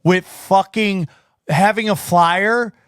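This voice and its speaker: A man hosting a podcast, talking in an animated, ranting way and swearing freely. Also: sits high, slow pace, clean tone, no echo, studio quality. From Armenian family from Turkey. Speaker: podcast host. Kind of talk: casual podcast chat.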